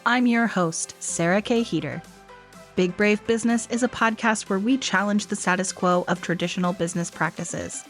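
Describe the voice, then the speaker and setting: A woman's voice: medium pitch, moderate pace, faint music behind. Chatty woman podcast host. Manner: animated, laughing often. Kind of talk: casual interview chat.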